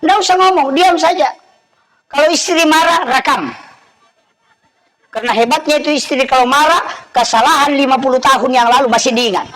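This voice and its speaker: A man's voice: very high-pitched, fairly quick, pauses often, fairly bright tone, low-quality recording. A man with a Bugis accent preaching a humorous sermon at an evening gathering, teasing the audience and acting out scolding parents.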